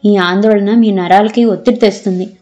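A woman's voice: mid-range voice, steady tone, normal speed, warm tone, faint music behind, natural voice. Lady narrator doing a doctor telling off his patient, lecturing tone, storybook. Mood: reproachful. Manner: reproachful, lecturing. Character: scolding middle-aged male family doctor.

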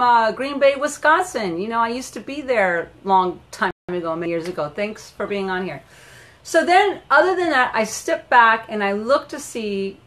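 A middle-aged woman hosting a casual live stream from her home, animated and chatty, greeting viewers by name and laughing often. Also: a little high. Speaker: live-stream host and wellness coach. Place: at home in Florida.

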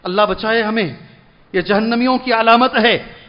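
A man preaching a sermon from a pulpit with passion, repeating phrases for emphasis and reciting verses slowly. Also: high-pitched, lo-fi sound. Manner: impassioned, repeats phrases for stress. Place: at a pulpit before a congregation. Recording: long echoey hall reverb.

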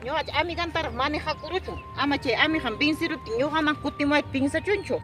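A rural Andean mother, played by a woman, protective and agitated. Her voice sits very high and runs quick. Music plays under her, in a homemade drama style. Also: lightly acted. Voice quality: high, quick, mixing Quechua and Spanish. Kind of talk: amateur drama acting. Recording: music bed behind.

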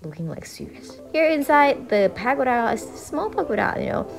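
In this travel vlog voice-over, a young adult woman from Thailand talks in a chatty, cheerful way, sprinkling in lots of "alright" and "you know." Her Thai-accented voice is fairly high and creaky, swinging widely in pitch at a normal speed. Loud music plays behind her.

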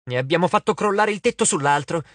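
A man's voice: high-pitched, lively intonation, quick pace, a bit bright, no room sound. A man voicing an exasperated young hero. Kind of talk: audiobook character voice.

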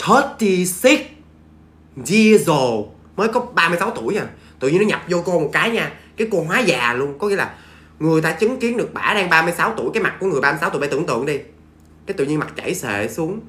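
A man's voice: on the high side, a bit bright, reverberant. A man with a Southern Vietnamese accent telling a ghost story in a chatty, familiar way to his listeners. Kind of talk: casual spoken storytelling.

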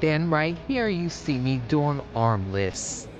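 A young man in his twenties talking casually in a slow, laid-back way. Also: fairly high pitch, big pitch swings. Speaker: vlogger. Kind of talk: casual chat. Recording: loud music playing under the voice.

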